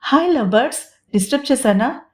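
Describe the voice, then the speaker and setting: A woman voicing a lively, snappy young college girl in a storybook reading. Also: on the high side, moderate pace, lightly acted. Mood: chirpy.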